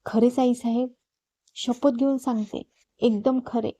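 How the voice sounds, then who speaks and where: A woman narrator voicing a cheerful, educated young woman in a storybook reading, speaking lively and affectionate. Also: fairly high pitch, measured pace.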